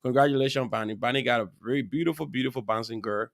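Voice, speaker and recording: A man hosting a live talk show, rambling through chatty shout-outs to viewers with frequent chuckles. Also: mid-range voice, fast talker, creaky, dry recording, clean studio sound. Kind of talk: casual live-show chat. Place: studio.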